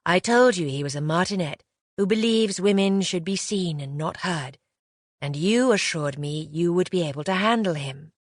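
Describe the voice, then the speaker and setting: A woman voicing a poised, elegant headmistress of governesses who speaks softly and huskily in calm, reproving tones. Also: on the low side, moderate pace, no room sound, studio quality, close to an everyday voice. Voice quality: soft and husky.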